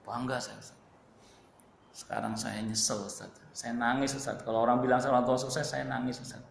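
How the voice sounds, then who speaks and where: A man's voice: mid-range voice, normal speed, vocal fry, slight background noise, close to an everyday voice. Preacher doing a remorseful old man in his seventies. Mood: regretful. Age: 70s. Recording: echoey hall with faint ambience.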